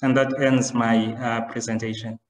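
A man ending his webinar presentation, speaking in an even way with halting uhs. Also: mid-range voice. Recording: echoey, distant from the mic.

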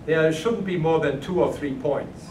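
At moderate speed and fairly high pitch, an older man from Germany handles questions during a conference keynote, his speech hesitant and packed with restarts and fillers. The large carpeted room and distant room camera make the recording echoey and noisy.

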